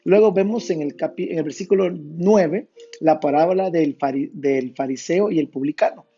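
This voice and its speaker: A man's voice: a little high, moderate pace, mellow. A man preaching an earnest devotional reflection, retelling Bible passages with quoted lines. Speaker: pastor. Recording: dull lo-fi sound with faint music.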